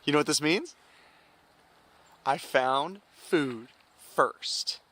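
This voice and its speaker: A man's voice: a little high, lively intonation, extremely slow, fairly bright tone, heavily acted. A man acting a cocky, easygoing outdoorsman in a found-footage film, with a wry, naturalistic delivery. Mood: teasing. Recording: faintly noisy outdoor camera audio.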